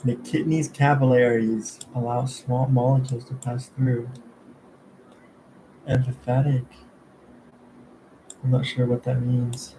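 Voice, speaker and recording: Young man, mellow dark voice, muttering to himself, self-quizzing, unsure pauses, faint background hum. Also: mid-range voice, level tone, poor audio. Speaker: student studying for an exam. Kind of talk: thinking aloud while studying.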